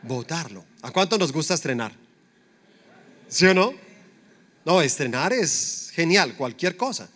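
A man's voice: fairly high pitch, big pitch swings, unhurried, long pauses, a bit bright. Man preaching, chatty and questioning. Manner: conversational preaching, lots of rhetorical questions. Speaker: pastor. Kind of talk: sermon.

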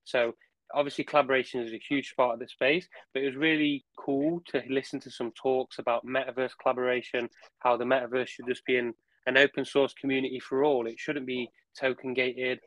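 A man's voice: medium pitch, flat delivery, a little fast, a bit bright, dry recording, poor audio. A man talking casually as a podcast guest, rambling a little and repeating phrases as he searches for words. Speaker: podcast guest, project representative. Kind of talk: casual conversational recounting.

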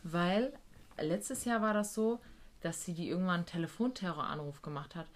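A woman's voice: fairly low pitch, normal speed. A woman telling a story from her work as a care worker in a casual chat. She is blunt, swears, and acts out the dialogue. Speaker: guest recounting a work trip; care worker with a residential group.

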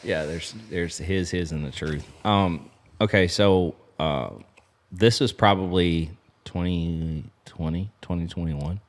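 A man in his thirties, an apparel business co-founder guesting on a podcast, tells a rambling story full of filler in a lodge. His voice sits low and his delivery is slow with few pauses. The chat is casual and loose.

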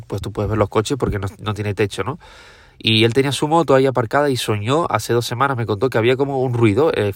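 A young man talks to his listeners at a rapid clip, loose and informal, throwing in swear words and calling them "guys" all the time. His voice sits at an ordinary pitch, and the sound is dry and close with no room around it. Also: no echo. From Tenerife, Canary Islands, Spain. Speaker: podcast host. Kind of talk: casual monologue to listeners.

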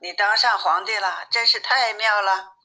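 A woman voicing a timid fisherman who pleads gently with his wife in a storybook reading. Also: mid-range voice, moderate pace. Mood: meek. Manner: meek, pleading. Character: timid, fearful old fisherman husband.

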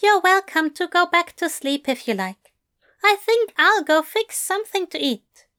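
A woman voicing a fussy, fond male angel who speaks in a genteel, prim and gently teasing way. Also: very high voice, expressive, a little slow, voice pushed up, full character voice. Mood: gentle.

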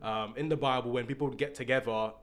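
A young man from Birmingham, his accent plain in every line, hosts a relaxed faith podcast. He talks in an upbeat, chatty way and breaks into laughs easily. His voice sits at an ordinary middle pitch. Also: quick pace, a little hiss or hum. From England. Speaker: podcast host. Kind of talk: casual podcast chat.

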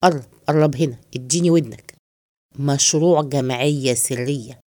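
A woman with an Egyptian accent voicing a scheming, henpecked middle-aged man who plots in hushed tones. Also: expressive, fast, no room sound, studio quality, natural voice. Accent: Egyptian Arabic. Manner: low hushed plotting tone.

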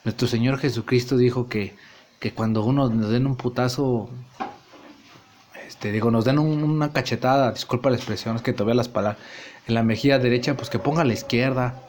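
A man voicing a soft-spoken, pious man trying to reform himself, talking in a subdued, preachy way. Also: mid-range voice, steady tone, extremely slow, few pauses, a little hiss or hum, pitched below the performer's own voice. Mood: meek.

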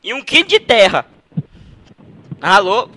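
Guy pranking someone on the phone, high lively voice, bright and dry. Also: unhurried, dry recording. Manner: teasing, mock-innocent, playful chanting. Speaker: prank caller. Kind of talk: prank call comedy.

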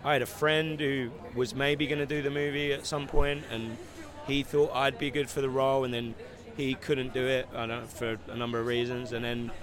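A man from London speaks with an English accent at an ordinary middle pitch. He answers questions in a relaxed way with dry humor during an outdoor red-carpet chat. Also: normal speed, crowd noise. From London, England. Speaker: actor, guest. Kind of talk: casual interview chat.

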